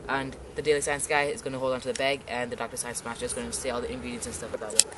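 A man filming outdoors on a patio, rambling through a quick casual intro with fillers as the videographer. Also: medium pitch, flat delivery. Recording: distant camera audio with outdoor noise.

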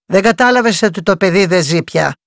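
A woman voicing a wise, consoling old village woman in a bedtime story, low and slow. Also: animated, dry recording, studio quality.

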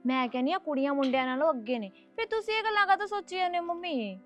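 An actress playing a patient young daughter-in-law who talks gently and reasonably, with a Punjabi accent. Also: female voice, high-pitched, expressive, rapid-fire, dry recording, soft background music. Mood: reasoning.

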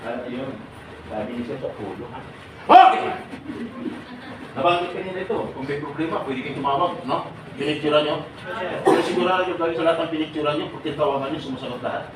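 A man giving a lively seminar talk to a crowd of overseas workers, teasing them, asking them questions and acting out their replies. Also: on the high side, fast talker, far from the mic. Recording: echoey room, voice from afar, noisy.

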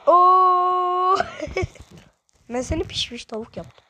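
A playful woman narrating her gameplay to viewers in a high, bouncy voice. She takes her time, drawing out her words unhurriedly, and sounds a little under the weather. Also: a little slow. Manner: playful, excitable, talks to viewers. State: slightly ill, voice a little changed. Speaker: gaming video creator. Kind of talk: casual gameplay commentary.

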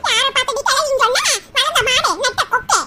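A woman voicing a quick-tempered old village grandmother in a cartoon, scolding and hurling insults. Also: very high voice, loud music behind the voice. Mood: angry. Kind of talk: cartoon voice acting.

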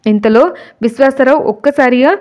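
A woman retelling a devotional serial episode in a steady, dramatic storytelling manner. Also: sits high, moderate pace.

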